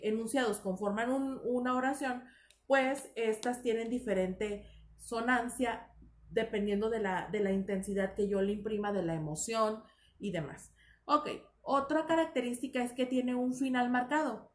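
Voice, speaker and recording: A woman teaching a grammar lesson, explaining step by step with frequent fillers and self-corrections. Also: on the high side. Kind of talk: recorded language lesson. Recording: echoey room.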